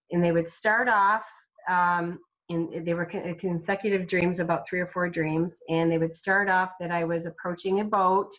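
A woman guest telling her personal faith story in an interview, halting, with frequent restarts, recovering from a brain injury. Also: lowish voice, fairly bright tone, lo-fi sound. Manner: halting, with many restarts and fillers. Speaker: guest, self-published author.

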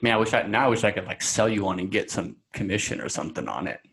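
Man, podcast guest, low voice, casual, rambling, lots of ums. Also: lively intonation, fast, vocal fry, fairly bright tone. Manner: rambling, chatty, many fillers and restarts. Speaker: coaching client guest.

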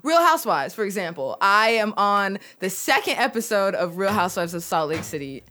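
A woman from Utah, a podcast guest in casual chat, bubbly and playful with lots of shout-outs. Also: mid-range voice, big pitch swings, fairly quick.

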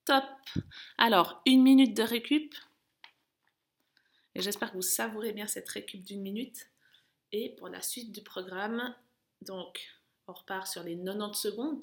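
A woman working as a running coach, guiding an interval session with urging, encouraging calls and countdowns in a creaky voice. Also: medium pitch. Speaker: running coach and podcast host. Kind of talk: guided interval-training coaching. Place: at home, indoors.

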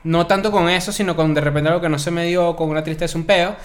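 A man's voice: a little high, fairly even intonation. A man, chiming in with jokes and asides in a casual podcast chat. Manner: quick, jokey, chiming in.

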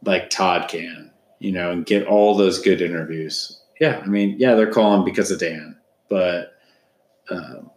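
A man's voice: deep voice, echoey room. A man in his thirties co-hosting a casual sports podcast, rambling and restarting his sentences. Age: 30s. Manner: rambling, repeats words, many restarts. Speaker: podcast co-host.

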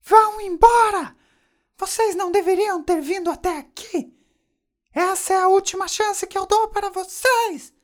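A man voicing a furious old woman who screams in a shrill, piercing falsetto. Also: unhurried. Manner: screaming threats. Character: shrieking furious old woman, bossy and harsh.

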